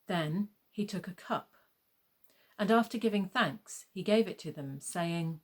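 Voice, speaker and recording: A woman's voice: fairly low pitch, measured pace. A woman narrating a gospel passage as a scripted scripture reading.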